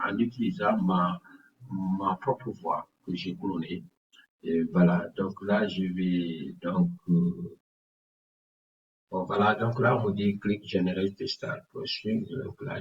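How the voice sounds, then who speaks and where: A man explaining software in a casual tutorial, hesitant and often restarting his sentences. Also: low voice, a little hiss or hum. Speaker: tutorial host. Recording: roomy, distant, dull sound.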